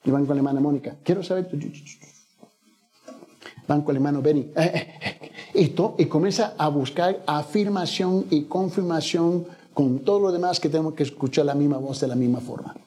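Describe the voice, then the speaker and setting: A man's voice: fairly high pitch, moderate pace, mellow. A man preaching a sermon as pastor, telling a story with acted-out lines and building to emphatic peaks. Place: church.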